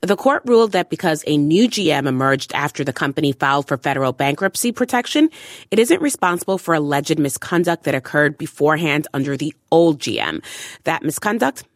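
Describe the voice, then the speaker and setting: A woman delivers a scripted radio news report. Her voice sits low for a woman, and the recording is dry, with no audible room. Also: no echo.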